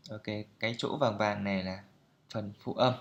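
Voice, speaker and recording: A man teaching pronunciation, explaining calmly and then drilling sounds and words aloud with slow, deliberate repetition. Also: fairly low pitch, highs cut off. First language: Vietnamese.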